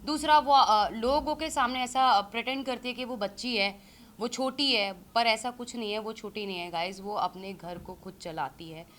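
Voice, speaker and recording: A woman in her thirties, an interview guest, giving critical views in a measured, hesitant way. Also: a little high, fairly bright tone. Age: 30s. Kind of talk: casual interview talk.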